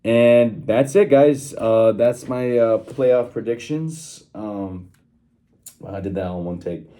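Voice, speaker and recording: A young man shares sports predictions with his channel's viewers from a small home workroom, filming on his phone in one casual take. He speaks slowly in a dark, medium-pitched voice, chatting loosely with lots of fillers and restarts.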